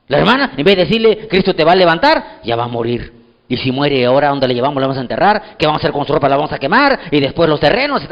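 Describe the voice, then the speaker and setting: A man preaching a sermon with a lively, swooping voice that sits a bit high. He tells his story with energy and voices each person in it. The sound is dull and rings through a big hall. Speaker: pastor.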